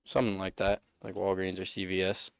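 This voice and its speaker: A man's voice: low voice, completely flat delivery, brisk, creaky, clear, resonant tone, no room sound, clean studio sound. A man co-hosting a podcast in casual chat, laid-back and full of slang. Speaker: podcast co-host.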